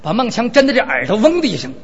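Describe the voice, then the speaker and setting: A man telling a traditional tale, animated and comic, his very high voice swinging widely. The recording is dull and lo-fi, with a long hall reverb. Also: fast, breathy edge. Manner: animated, dramatic, humorous. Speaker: storyteller. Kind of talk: traditional storytelling performance.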